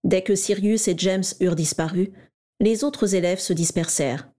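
A woman reading a story aloud in a steady, even storytelling manner. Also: mid-range voice, moderate pace. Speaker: narrator. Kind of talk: scripted story narration.

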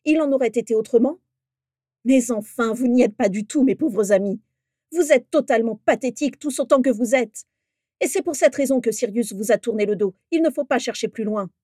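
A woman voicing a stern, exasperated witch who scolds loudly and indignantly. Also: sits high, no echo, clean studio sound, voice pushed up.

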